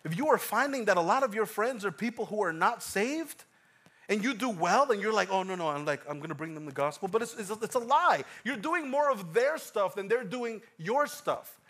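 Male pastor in his thirties, high-pitched, lively emphatic sermon delivery with repetition. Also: moderate pace. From Ecuador. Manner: animated preaching, swings from hushed to loud, repeats lines for emphasis.

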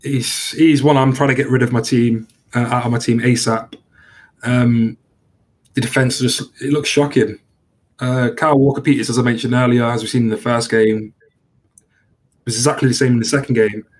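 A man's voice: mid-range voice, fairly even intonation, moderate pace. A man chatting about football over remote call audio that echoes and sounds distant, talking hesitantly with many fillers. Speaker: podcast co-host on a call. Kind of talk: casual football chat.

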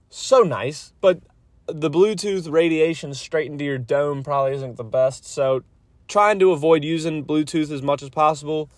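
A man with a slightly high voice hosts a loose, rambling solo podcast in an informal way. He talks into a phone in a parked car, so the sound is close and dry, with rain on the car. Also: no echo. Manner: rambling, informal, mildly profane. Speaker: podcast host. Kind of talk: casual solo podcast chat. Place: inside a parked car on a rainy day. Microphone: phone microphone. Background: rain hitting the car roof.

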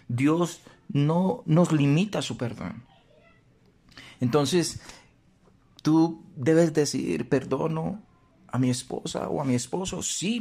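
A man giving a devotional sermon, speaking earnestly to the listener, slowing down to stress key words and asking direct questions. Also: mid-range voice. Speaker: preacher.

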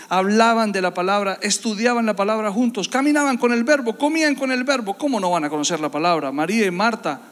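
Male preacher, high voice, fervent sermon, long church reverb. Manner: impassioned, builds to loud repetitive emphasis. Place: church hall.

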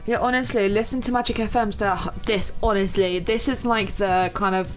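A woman's voice: mid-range voice, steady tone, moderate pace. Chatty young British woman over music. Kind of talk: casual chat. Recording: clear music playing behind.

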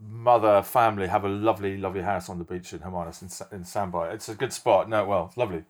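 A man hosting a podcast, introducing and interviewing a guest in a relaxed, conversational way. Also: sits low, fast talker. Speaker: podcast host.

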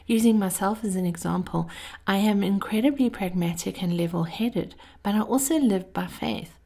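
Speaking at a mid-range pitch with a mellow quality, this female podcast host reads a motivational script. Her delivery is intimate and measured, and her breathy voice frequently drops almost to a whisper.

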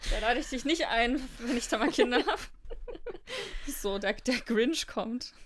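Chatty young woman, slightly high voice. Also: a little slow, fairly bright tone. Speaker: podcast co-host. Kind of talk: casual chat and storybook reading.

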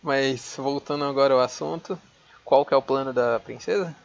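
A man's voice: medium pitch, normal speed, vocal fry, dry recording. A man with a Brazilian accent, playing a tabletop role-playing game in a casual, polite and slightly hesitant way. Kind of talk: casual in-character role-play. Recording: dull, lo-fi voice recording.

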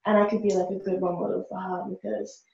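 A woman's voice: mid-range voice, level tone, quick pace, creaky, mellow. A young woman from Britain, answering interview questions in an earnest, upbeat way with many "like" fillers. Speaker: guest, social media creator. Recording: roomy, dull lo-fi sound.

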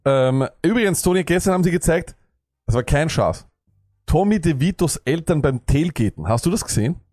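Ranting man, slightly high voice. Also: expressive, fairly quick, darkish tone, no room sound, clean studio sound. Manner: ranting, sarcastic, jumps between thoughts. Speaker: podcast co-host. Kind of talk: casual fantasy football chat.

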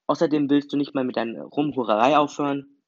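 A man's voice: mid-range voice, fast, lo-fi sound, voice pushed up, lightly acted. A man voicing a bold, teasing young woman who is the narrator's best friend.

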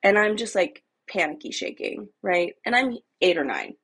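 A woman's voice: mid-range voice, expressive, normal speed, a bit bright, breathy edge. A woman in her thirties telling a casual, rambling story while out on a walk, full of "like" and "um". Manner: rambling, filler-heavy, conversational. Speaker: vlogger. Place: outdoors on a walk.

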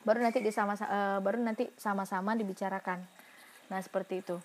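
A woman's voice: mid-range voice, fairly even intonation, fast. A woman giving a university lecture in an explanatory way, asking herself questions and answering them, with frequent fillers.

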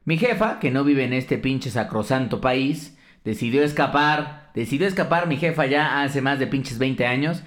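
A man's voice: medium pitch, normal speed, fairly bright tone. A man with a Mexican Spanish accent, co-hosting a gaming podcast, telling stories in crude, teasing banter. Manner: profane, teasing, storytelling. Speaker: podcast co-host.

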